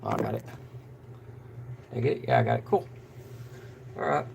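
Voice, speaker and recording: A man with a gravelly voice hosting a casual fishing live stream, talking in a monotone with lots of fillers. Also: fairly quick, a little hiss or hum. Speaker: fishing channel host.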